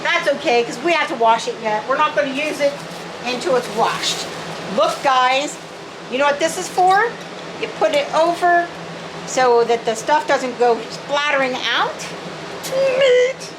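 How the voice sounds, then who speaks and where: A high-pitched woman chats excitedly to her viewers while unboxing in her home kitchen, calling them "guys" and gushing over every piece. A clear, steady background hum runs under her home-video recording. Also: normal speed. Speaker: unboxing vlogger. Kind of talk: casual unboxing chat to viewers.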